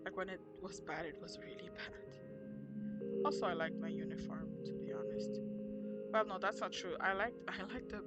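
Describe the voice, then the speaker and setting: A woman's voice: fairly low pitch, moderate pace, highs cut off. A woman streaming live as she draws, ranting, swearing and laughing often. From Quebec. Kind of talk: casual livestream chat while drawing. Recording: music playing under the voice.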